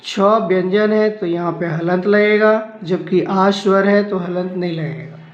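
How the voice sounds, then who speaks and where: Slow, high-voiced man teaching. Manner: slow, step-by-step explaining. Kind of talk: explaining a Sanskrit lesson. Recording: roomy, dull lo-fi sound with faint music.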